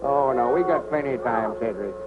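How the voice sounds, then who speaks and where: An actor playing a scheming, vain old country storekeeper with a drawl, in 1940s film comedy. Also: male voice, medium pitch, a little fast, natural voice. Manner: drawling, sly, self-satisfied. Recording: tinny, hissy 1940s film soundtrack.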